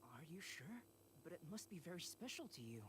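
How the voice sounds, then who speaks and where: A man's voice: high voice, very animated, a little fast, a bit bright. A man playing an earnest, polite young amateur investigator in a video game. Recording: game audio with music underneath.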